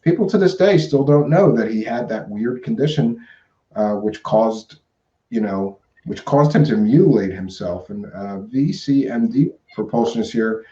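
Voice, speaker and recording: A man's voice: mid-range voice, animated, moderate pace, dark tone. A man hosting a live talk show in a casual, chatty, colloquial way. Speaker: live stream host. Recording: roomy, dull lo-fi stream audio.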